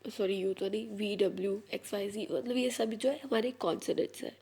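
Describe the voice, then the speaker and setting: A woman with a Pakistani Punjabi accent teaching an English class in Hindi-Urdu, reading English sentences slowly and then explaining them. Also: mid-range voice, a little mellow, slightly rough. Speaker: school teacher. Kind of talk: classroom lesson.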